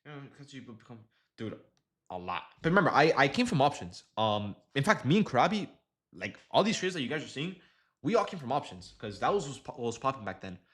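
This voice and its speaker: A young man who day trades chats casually on a livestream, explaining his trades in loose, slangy language. His medium-pitched, slightly rough voice is very animated and a little fast, and he keeps breaking off into fillers and restarts without ever settling into a set pace.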